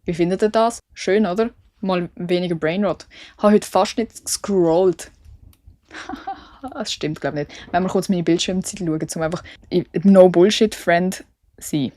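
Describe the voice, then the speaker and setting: Hosting a podcast on her own, a young woman from Switzerland speaks in a warm, fairly low voice at a measured pace, her Swiss German accent clear. She keeps things casual and self-mocking, sprinkling in plenty of English slang, with no room sound in the recording.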